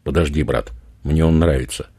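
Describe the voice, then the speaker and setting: Man voicing a swearing street thug, very deep raised voice, husky, dry sound. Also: fairly even intonation, normal speed, no room sound. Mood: threatening. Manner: loud, swearing, bullying. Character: rough male street robber, crude, menacing.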